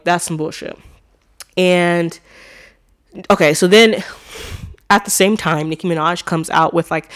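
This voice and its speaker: A woman's voice: lowish voice, fairly bright tone, smooth. Blunt, filler-heavy woman vlogging. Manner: candid and blunt, frequent swearing, many "like" and "um" fillers; earnest, speaking directly to listeners. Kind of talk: casual commentary monologue.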